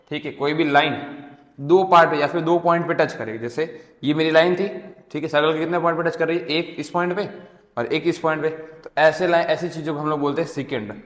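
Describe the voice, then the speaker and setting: A young man teaching math in a casual lecture, often asking a question and answering it himself. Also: a little high. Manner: repeats questions and answers them himself, keeps checking in with "theek hai". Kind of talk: casual Hindi-English lecture to students. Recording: echoey room with long reverb.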